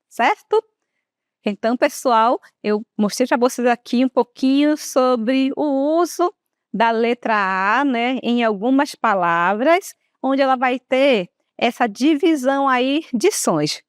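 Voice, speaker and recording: A woman English teacher with a Brazilian accent, giving a classroom lesson and slowly drawing out words for students to repeat. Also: a little high, clear, resonant tone, no room sound, clean studio sound. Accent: Brazilian Portuguese. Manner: slow, drawn-out modelling of words for students to repeat.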